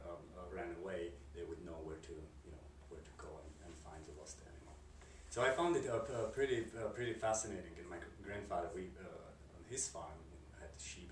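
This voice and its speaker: A man from Slovakia with a Slovak accent, a composer answering interview questions in a halting way, with many fillers and restarts. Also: low voice. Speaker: composer and curator. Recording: roomy, distant mic, noisy background.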